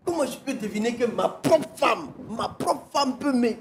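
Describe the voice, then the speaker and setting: Male pastor, shaken, halting testimony, stumbling over words. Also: very high voice, expressive, creaky, a little hiss or hum. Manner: halting, distressed, voice breaking. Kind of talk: emotional personal testimony.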